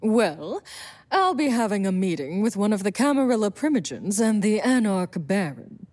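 A woman's voice: medium pitch, very animated, normal speed, a little mellow. A woman voicing a confident, protective female vampire sire with a wry, self-assured manner in an audio drama.

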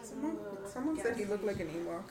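A young woman co-hosting a casual podcast, laid-back and quick to laugh. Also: medium pitch, animated. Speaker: podcast co-host. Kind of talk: casual chat. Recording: echoey room with loud background music.

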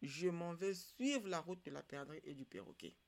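A storyteller putting on a stubborn and proud storybook dog who will not budge. The voice climbs high and loud when indignant. It sounds like a spirited grumble from a folk tale. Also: moderate pace, natural voice. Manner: raised excited grumbling voice.

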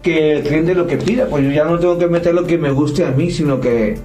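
Guest, mellow and dark, sits off-mic in an echoey room with faint music. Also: male voice, fairly high pitch, fairly quick, far from the mic. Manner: enthusiastic, repeats himself and restarts. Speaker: event organizer guest. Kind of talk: casual podcast chat.

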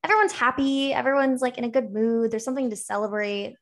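A young woman with a fairly high voice that often dips into a gravelly fry. She chimes in with quick, upbeat reactions and chats casually with a friend. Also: noisy background. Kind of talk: casual chat.

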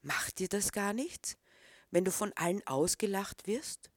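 A woman's voice: mid-range voice, animated, a little slow, no echo, clean studio sound, voice pushed up. A woman reading the part of a disapproving middle-aged man who questions a boy. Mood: stern.

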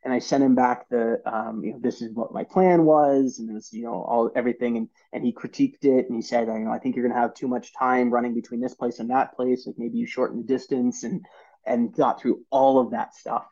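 Earnest man with a mellow voice. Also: mid-range voice, flat delivery, gravelly, muffled recording. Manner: earnest, halting, many fillers and restarts. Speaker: podcast guest. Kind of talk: casual storytelling interview.

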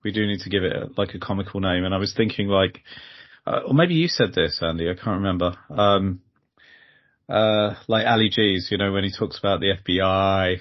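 A man hosting a podcast, talking in a relaxed way with lots of pauses and fillers. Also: deep voice, lo-fi sound. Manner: relaxed, laughing, hesitant with fillers. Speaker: podcast host. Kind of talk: casual podcast chat.

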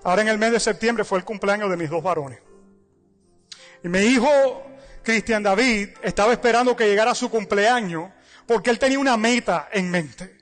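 Man, pastor, high-pitched, animated sermon storytelling. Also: moderate pace, soft background music. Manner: animated storytelling, acting out dialogue.

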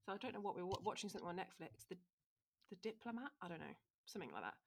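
A young woman co-hosting a casual chat, telling stories in a chatty, animated way full of fillers. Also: medium pitch, rapid-fire, vocal fry, slight background noise. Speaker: podcast co-host.

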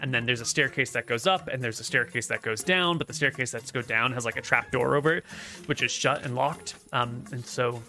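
A woman working as game master, improvising scene descriptions in a casual, halting way. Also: very deep voice, bright, forceful tone, soft background music. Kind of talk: improvised tabletop game narration.

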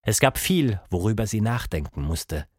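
A man narrating a children's story with an expressive reading manner. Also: fairly low pitch, moderate pace, husky, dry recording, studio quality.

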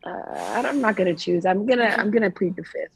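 A woman's voice: mid-range voice, fast, slight background noise, rough recording. A woman guest on a podcast, chatting casually, playful and blunt.

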